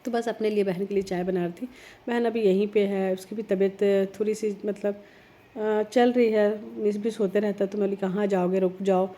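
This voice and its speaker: Middle-aged woman vlogger, hoarse from a cold, dark flat voice, reflective rambling talk. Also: moderate pace. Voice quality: heavy, low-sounding voice. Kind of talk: casual vlog talk.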